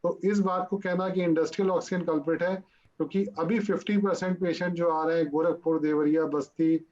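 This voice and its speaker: Male doctor, fairly high voice, technical explanations, patient manner, muffled lo-fi sound. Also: steady tone, brisk, darkish tone, a little hiss or hum. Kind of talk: explanatory interview answers. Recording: dull lo-fi audio.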